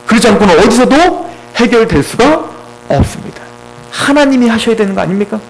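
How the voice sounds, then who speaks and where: A man's voice: very high voice, expressive, a little fast, a little hiss or hum, poor audio. A man preaching a sermon as pastor, earnest and pleading, putting question after question to his congregation.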